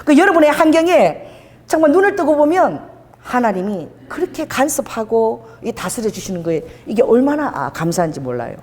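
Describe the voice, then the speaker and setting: A woman pastor delivering a sermon in an animated, conversational storytelling manner. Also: fairly high pitch, normal speed, big-room sound. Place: church hall.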